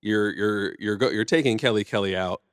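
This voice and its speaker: Casting: playful male podcast host, low voice, dry recording. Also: normal speed, smooth, no echo. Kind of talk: casual chat.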